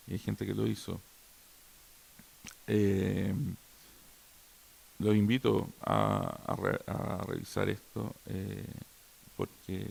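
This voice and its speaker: Young chilean man, very gravelly low voice, flat and slow, hesitant talk, faint hiss. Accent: Chilean Spanish. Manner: hesitant, many fillers and restarts. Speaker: workshop speaker. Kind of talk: hesitant informal talk to an audience.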